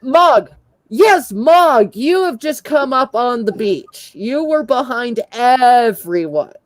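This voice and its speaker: A woman narrating as game master, self-deprecating and quick to laugh, with halting restarts. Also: on the high side, animated, dry recording.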